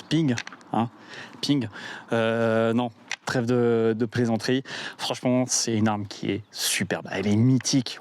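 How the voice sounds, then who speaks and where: A man with a mid-pitched voice gives a relaxed, offhand video commentary. He jokes along the way and pauses on fillers between his points. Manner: relaxed, joking, hesitant with fillers. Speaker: gun collector presenting his rifle.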